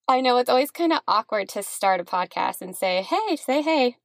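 A woman's voice: a little high, animated, measured pace, no room sound. Chatty woman podcast host, dry sound. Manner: friendly, laughing, chatty with restarts. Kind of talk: casual interview chat.

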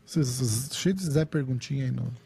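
Raspy Brazilian man chatting casually. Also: mid-range voice, brisk, warm tone. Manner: slangy, swearing, informal. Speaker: podcast host. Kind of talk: casual chat.

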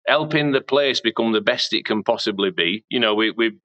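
A man's voice: on the low side, a little fast, fairly bright tone. A man, a farmer chatting casually in an interview and often repeating words as he starts a thought. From Barnsley, England. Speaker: farmer and business owner. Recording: dull lo-fi sound.

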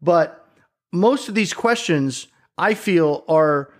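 A man's voice: on the high side, expressive, slow. A middle-aged man in a casual chat who tells stories with energy, acts out other people's reactions and swears casually.

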